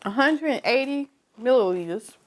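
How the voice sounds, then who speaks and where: A woman's voice: high-pitched, animated, normal speed. Chatty woman vlogger, casual snack review, faint noise and bag crinkles behind. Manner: chatty, tasting food while talking, trailing restarts.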